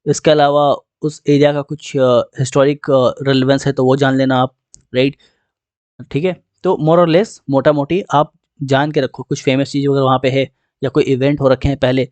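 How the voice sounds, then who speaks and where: A man of middle pitch lecturing exam aspirants at an easy, unhurried pace. He keeps checking in with short tags and mixes English into his speech. The recording is dry and close, with no room sound. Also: little pitch movement, a little mellow, no room sound. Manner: repeats "theek hai" and "right" as he talks. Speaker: exam coaching teacher.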